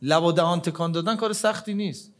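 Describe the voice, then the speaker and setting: Impassioned preacher, man, sermon. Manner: dramatic swings between loud emphatic questions and low hushed lines; quotes Arabic verses and prayers. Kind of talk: religious sermon.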